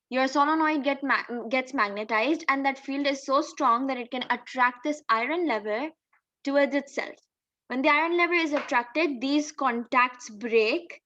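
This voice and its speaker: A woman with a high-pitched, pushed and bright voice teaches physics at a moderate pace. She goes step by step like a tutorial, putting questions forward as she explains, and the mic sounds dull and lo-fi.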